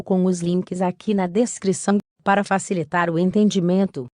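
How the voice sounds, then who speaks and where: A synthetic robotic woman's voice reading a scripted narration of a court case, even and methodical. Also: lowish voice, no room sound, studio quality. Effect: robotic text-to-speech voice.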